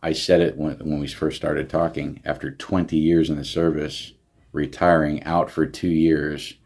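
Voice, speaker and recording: A man's voice: a bass voice, little pitch movement, normal speed, gravelly, darkish tone. A man, a county veterans service director, talking earnestly in an interview with frequent restarts. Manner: earnest, many restarts and fillers. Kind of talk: casual interview talk.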